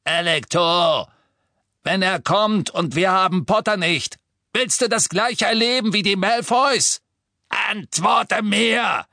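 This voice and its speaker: A man reading an audiobook voices a coarse, vulgar male henchman who shouts and bangs at a door. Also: high voice, takes it slowly, gravelly, no room sound, clean studio sound, pitched above the performer's own voice, heavily acted. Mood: bellowing. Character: coarse brutish male henchman, bellowing and crude.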